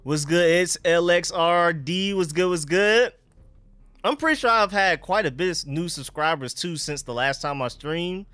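Young man, slightly high voice, retainer-affected speech, informal livestream host, slangy greetings, dry close mic. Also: a little slow, fairly bright tone, clear, resonant tone, dry recording. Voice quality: slightly impeded speech from wearing a dental retainer. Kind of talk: casual livestream chat, greeting viewers.

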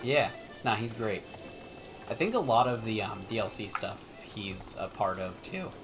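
A joking, giggly man chatting casually while playing a game, his voice a touch low. Game music plays clearly behind him the whole time. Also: unhurried. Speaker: co-host. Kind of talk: casual gameplay chat.

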